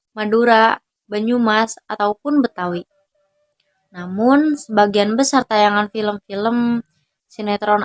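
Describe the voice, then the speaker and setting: A young woman student reading her part of a group class presentation aloud, steady and careful, pausing between list items. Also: a little high.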